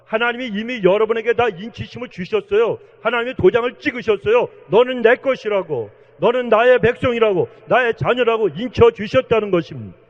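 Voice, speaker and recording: Male pastor, high-pitched, earnest exhorting sermon delivery; muffled recording with long church-hall reverb. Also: brisk, hardly any pauses. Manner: earnest, exhorting, repeatedly addresses the congregation. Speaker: senior pastor.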